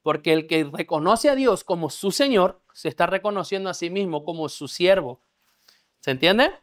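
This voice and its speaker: Pastor preaching a discipleship sermon. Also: male voice, high voice, expressive, normal speed. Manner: checks understanding, leads call-and-response. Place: church gathering with a live congregation.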